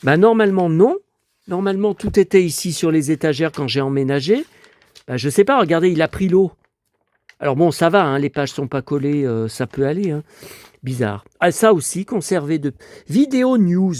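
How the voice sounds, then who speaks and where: Man, 50s, from France, hoarse from a cold, rambling nostalgic collector, dry close sound. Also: fairly high pitch, expressive, moderate pace, a little mellow, no echo. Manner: chatty and nostalgic, rambling with frequent asides. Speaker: collector showing his memorabilia. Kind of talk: casual collection show-and-tell.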